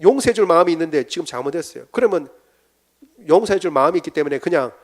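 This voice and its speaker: A man teaches a church prayer seminar as a pastor, his voice sitting a little high. He keeps asking his listeners rhetorical questions and acts out quotes as he goes. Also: lively intonation, very fast.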